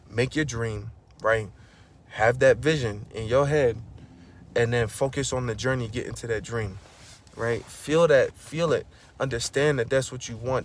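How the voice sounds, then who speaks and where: A man vlogs a casual motivational monologue, preachy and slangy, repeatedly saying "bro" and "you know what I'm saying." When he gets fired up, his voice turns loud and high, and there's a faint hiss or hum.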